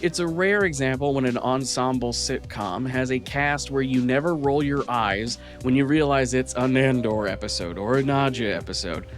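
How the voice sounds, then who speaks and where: A man's voice: medium pitch, moderate pace, few pauses. Man narrating a scripted review over music. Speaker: video host reviewer.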